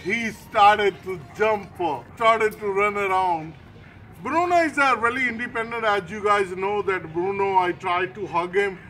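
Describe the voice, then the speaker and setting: Very high-voiced man coaxing his dogs. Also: a little slow, pushed and bright, low-quality recording. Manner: coaxing, affectionate calls to the dogs, simple repeated phrases; grateful, plain thank-you talk to viewers. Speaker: channel host and dog owner. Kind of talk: casual home vlog talking to dogs and viewers. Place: at home, indoors.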